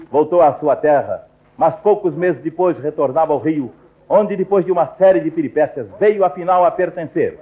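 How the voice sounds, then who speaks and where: A man with a Brazilian Portuguese accent, narrating a radio program in a solemn, measured storytelling manner. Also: medium pitch. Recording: narrow, tinny old radio recording.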